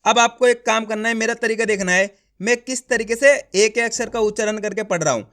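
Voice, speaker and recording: Guy with a really high voice teaching a class, slow and patient, keeps asking if you got it. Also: fairly bright tone. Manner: patient, drills syllables slowly, checks understanding. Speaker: Hindi reading teacher. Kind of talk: online class, explaining and repeating.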